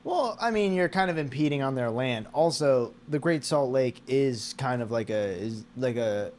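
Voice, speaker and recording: An American man chatting casually and haltingly, searching for words and restarting as he rambles. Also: mid-range voice, animated, darkish tone, a little hiss or hum.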